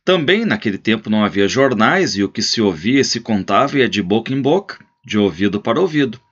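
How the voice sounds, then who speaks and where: A male literature teacher reading a short story aloud and explaining it in a relaxed, conversational way. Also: fairly low pitch, brisk, slightly rough. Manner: explanatory, frequent tag questions. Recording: slightly muffled lo-fi recording.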